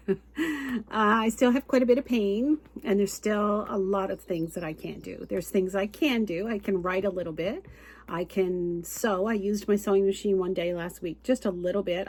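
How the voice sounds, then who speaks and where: A woman's voice: medium pitch, a little mellow, husky. A middle-aged woman from Canada, hosting her cross-stitch and quilting video in a chatty, homey way with fillers and light laughs, talking around a cough drop while getting over a cold. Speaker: cross-stitch and quilt pattern designer, channel host. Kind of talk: casual chat to camera.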